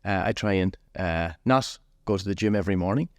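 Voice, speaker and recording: A man's voice: deep voice, a little fast, no room sound. A man of forty with a West of Ireland accent, telling his story casually as an interview guest. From Galway, west of Ireland.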